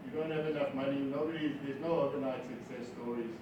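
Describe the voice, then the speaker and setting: This South African man, a business founder appearing as a guest, delivers an informal motivational talk full of wry, self-deprecating jokes. He talks fast with a medium-pitched, steady voice, recorded from afar in a highly reverberant room with background noise.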